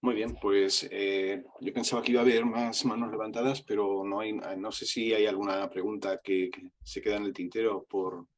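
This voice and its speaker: A man's voice: lowish voice, little pitch movement, moderate pace, few pauses. A man moderating questions in an online course, hesitant with many fillers.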